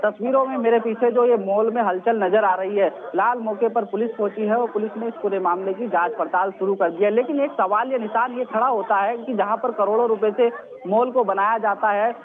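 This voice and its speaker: A man's voice: high-pitched, fairly quick, crowd noise. Man reporting live over a tinny phone line. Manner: earnest, questioning, repeats key points. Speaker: field reporter. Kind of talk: live news report from the scene. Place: outdoors at a mall.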